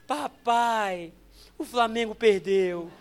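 Brazilian man doing a little boy, whiny, pleading, high voice, sermon story. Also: slow, a little hiss or hum. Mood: sad. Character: small boy, sad football fan, sweet.

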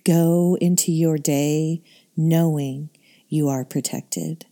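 Slow, dark-voiced woman guiding meditation. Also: low-pitched. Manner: slow, soothing, calm delivery. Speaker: meditation guide.

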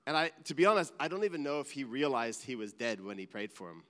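A man's voice: medium pitch, very animated, fast talker, fairly bright tone, in a large hall. A man preaching a sermon as a pastor, earnest and building to emphatic peaks, with restarts and asides.

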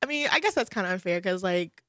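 A young woman chatting casually, full of fillers and quick impressions of people she quotes. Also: mid-range voice, animated, pushed and bright, no room sound, clean studio sound. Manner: laid-back, lots of fillers, mimics people with quick quoted asides. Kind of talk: casual chat.

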